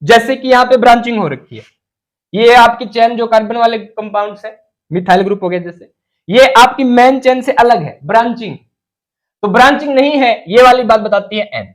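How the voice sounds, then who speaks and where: A man's voice: very high-pitched, poor audio. Man, chemistry teacher, lecture style, quizzes the class, mixes in English terms. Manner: asks the class questions and answers them himself.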